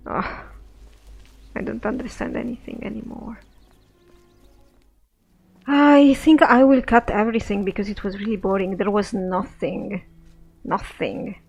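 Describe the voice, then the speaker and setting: Slow, creaky-voiced woman doing game commentary. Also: medium pitch, dry recording. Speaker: let's play narrator. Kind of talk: casual game commentary, speaking as her character.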